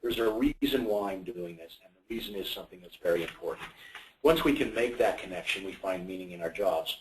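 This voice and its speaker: Fast-talking man presenting in a hall. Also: low voice, background noise. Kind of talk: conference presentation. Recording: roomy, from far off.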